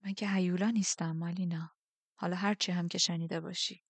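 Woman doing quiet commanding man, low voice, soft and measured, dry close sound. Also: fairly even intonation, husky, no room sound. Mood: calm. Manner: hushed, low and measured, at times near a whisper.

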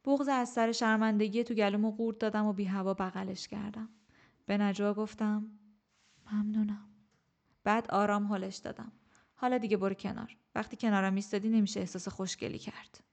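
A woman's voice: medium pitch, a little mellow. Woman narrating a novel. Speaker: audiobook narrator. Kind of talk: first-person novel narration with dialogue.

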